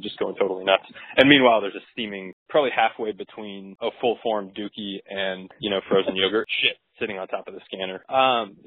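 A man, a physician, casually recounting a case on a podcast with relaxed, wry and crude asides. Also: on the low side, breathy edge. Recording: tinny dry phone-like recording.

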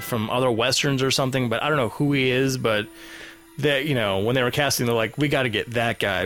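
A man talking casually about a film on a podcast, rambling with many restarts. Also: medium pitch.

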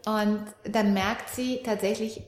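Calm, reflective woman in an echoey room. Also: medium pitch, slow. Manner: calm, reflective, animated when quoting her daughter. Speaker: guest, parenting and relationship coach. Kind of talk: conversational interview. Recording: roomy echo.

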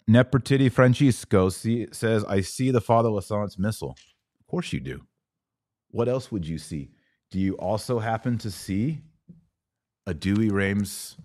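Speaking in a low, darkish voice on a dry recording, this American host chats live with his podcast audience. He grows emphatic and didactic, leaning into preaching and hammering phrases through repetition.

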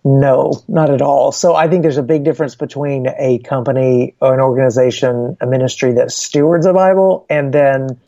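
A male guest representing a Bible publishing ministry speaks earnestly and measuredly, building his explanations point by point. His mellow mid-range voice has fairly even intonation, and the close, dry recording sounds slightly dull and lo-fi with no room echo.

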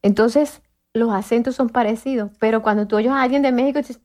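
A woman's voice: on the high side, steady tone, a little fast, a little mellow. A woman with a Caracas Venezuelan accent hosting a casual interview, chatty and telling stories that act out quoted speech. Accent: Caracas Venezuelan Spanish. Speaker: host.

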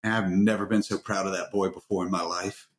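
A man's voice: deep voice, level tone, brisk. A man from the American South, a podcast co-host telling stories in a wry, joking way. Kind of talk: casual chat. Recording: roomy echo.

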